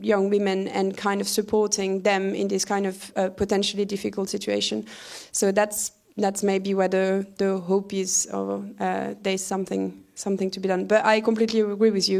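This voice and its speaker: A woman panelist gives a measured answer filled with "uh" and "um". Her pitch stays very flat, and a gravelly fry runs through her voice.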